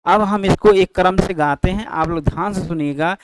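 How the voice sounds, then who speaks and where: A man teaching Sanskrit pronunciation in a slow, patient way, often checking with his students as he explains. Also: high-pitched, noisy background. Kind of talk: explaining, then singing sutras to a film tune.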